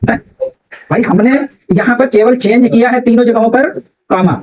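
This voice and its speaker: A man's voice: extremely high pitch, unhurried, a little mellow, slight background noise, low-quality recording. A male teacher giving a grammar lesson to a classroom, constantly asking his students rhetorical questions.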